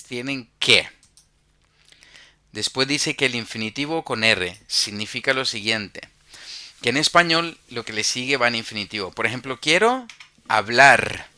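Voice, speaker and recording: A man teaches a language at an unhurried pace, drawing out each example so it can be repeated. His voice is bright and crisp. The recording is dry and close, with no room sound. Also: mid-range voice, dry recording. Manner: slow, deliberate, spells out words and pronunciation.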